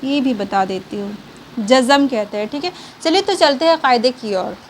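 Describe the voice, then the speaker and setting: A high-voiced woman gives a patient, step-by-step online reading lesson. She asks a question, answers it herself, and checks in with learners again and again. A faint hiss sits under her voice. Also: lively intonation, moderate pace. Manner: reassuring, checks in with frequent okays. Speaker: Quran reading teacher.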